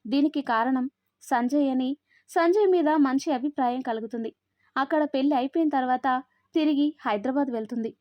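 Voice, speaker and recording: A woman narrating a story in a steady storybook reading manner. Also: sits high, brisk, dry recording. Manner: steady storybook reading, voices every character herself. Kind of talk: scripted narration. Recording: dry, slightly dull recording.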